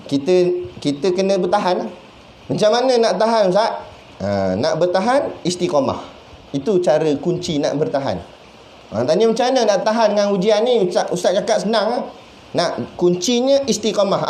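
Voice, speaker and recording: Malaysian malay preacher guy, chatty and animated, slightly high voice, echoey room. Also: moderate pace. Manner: lively, animated and conversational, asks questions and acts out voices. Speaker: religious teacher. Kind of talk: sermon. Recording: echoey room with faint background noise.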